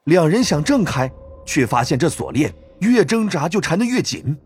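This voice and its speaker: A man narrating a novel audiobook in a dramatic, expressive storytelling manner. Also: fairly high pitch, moderate pace, slight background noise.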